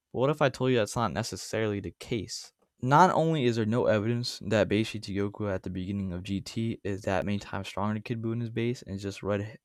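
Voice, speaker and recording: A man's voice: on the low side, no echo, clean studio sound. A man giving a casual, argumentative commentary monologue, rambling and correcting himself as he goes. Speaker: YouTube debate commentator.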